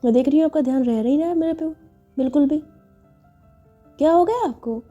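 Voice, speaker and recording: Woman doing a pushy young woman, keeps pressing, highish mellow voice, dull recording with faint music. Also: moderate pace. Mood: upset. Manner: pushy repeated questioning.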